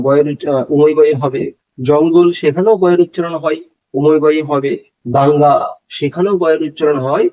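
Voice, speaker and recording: A man giving a spelling lesson, explaining patiently and repeating words, with pauses and hesitations. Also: a little high. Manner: slow, repetitive explanation with hesitations. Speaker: teacher. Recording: dull lo-fi recording.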